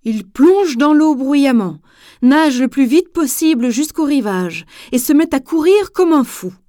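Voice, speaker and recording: Slow, gentle woman storyteller. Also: sits high, lively intonation, no echo, clean studio sound. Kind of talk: children's story reading.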